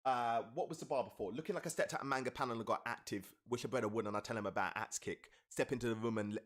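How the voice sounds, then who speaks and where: A man on a live stream talks through his rap lyrics with eager energy, counting out syllables and stopping to thank viewers in chat. His voice sits at an ordinary pitch for a man and is picked up by a home streaming setup. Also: fast talker, fairly bright tone. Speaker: rapper and streamer. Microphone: streaming setup with webcam.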